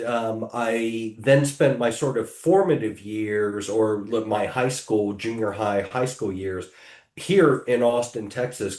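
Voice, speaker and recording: A middle-aged American man with a fairly low voice talks through his background, halting often with ums and uhs and restarting his sentences. His voice carries a noticeable echo from the room around him. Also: darkish tone. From United States. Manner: hesitant, many ums and restarts. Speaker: podcast guest, technology attorney. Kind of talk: casual interview answers. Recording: echoey room.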